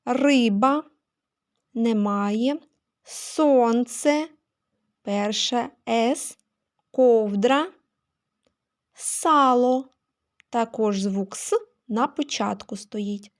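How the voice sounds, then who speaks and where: Slow, careful woman teaching letter sounds. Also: on the high side. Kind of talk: phonics lesson for young children.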